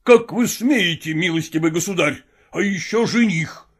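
A woman's voice: fairly low pitch, moderate pace, breathy edge, pitched below the performer's own voice. A woman voicing a furious old nobleman. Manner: blustering, shouting. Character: enraged old male nobleman, bullying master.

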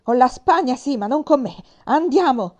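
Woman doing a furious young queen, yelling high, warm voice. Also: normal speed, lightly acted. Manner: shouting in rage. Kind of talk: dramatic reading of a novel.

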